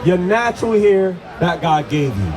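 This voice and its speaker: A man from Jamaica preaches on a city street in a fairly high voice, lecturing and firing questions, often raising it to a shout. Music and a loud crowd carry on around him outdoors. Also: very animated, moderate pace.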